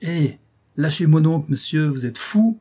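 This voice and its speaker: A man's voice: fairly low pitch, steady tone, brisk, warm tone, lightly acted. A man voicing an angry, grumbling male cook in a storybook reading. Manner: angry, scolding.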